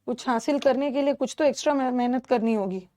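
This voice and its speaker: A woman teaching a class, explaining pronunciation slowly and repeating each sound for her students. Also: sits high, dark tone. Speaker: English teacher. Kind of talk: classroom lesson.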